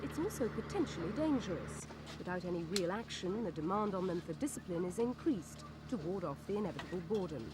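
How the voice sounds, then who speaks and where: A woman reporter reading scripted documentary narration in a measured, formal manner. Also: mid-range voice, background noise.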